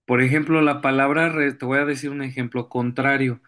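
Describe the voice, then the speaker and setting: A male teacher giving a virtual class, explaining step by step, pausing to search for examples and often clearing his throat. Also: mid-range voice, steady tone, a bit bright.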